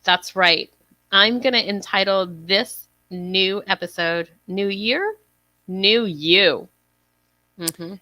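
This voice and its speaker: A woman's voice: medium pitch, slow, sharp tone, no echo. A woman from Brooklyn with a Brooklyn accent, co-hosting a casual podcast and laughing often. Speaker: podcast co-host.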